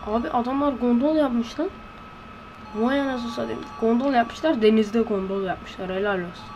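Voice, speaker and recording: Hushed, excitable woman gaming. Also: on the high side, moderate pace, muffled recording, noisy background. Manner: excitable, blurting reactions and slang; talking in a hushed voice. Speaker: gameplay commentator. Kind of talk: let's-play commentary. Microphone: close to a desk microphone.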